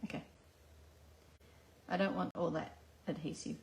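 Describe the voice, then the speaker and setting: Creaky Australian woman demoing crafts. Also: lowish voice, fairly even intonation, unhurried. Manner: chatty, talks herself through each step. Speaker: craft demonstrator. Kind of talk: live card-making demonstration. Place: at her crafting table. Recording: echoey room, faint background noise.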